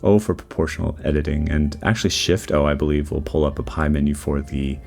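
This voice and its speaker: A man giving relaxed, rambling voice-over commentary on his 3D modeling timelapse, with lots of fillers and restarts. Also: a bass voice, fairly quick, creaky. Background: faint background music.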